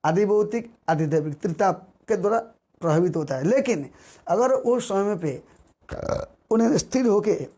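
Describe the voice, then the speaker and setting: Guy preaching a devotional sermon, warm mellow voice, keeps repeating stuff and punching key words. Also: high-pitched, animated, normal speed. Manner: emphatic, repeating key words, rising on stressed words.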